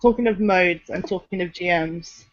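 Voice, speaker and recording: A woman's voice: on the low side, moderate pace. A woman co-hosting a podcast in casual chat, hesitant and thinking aloud. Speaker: podcast co-host. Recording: dull podcast recording.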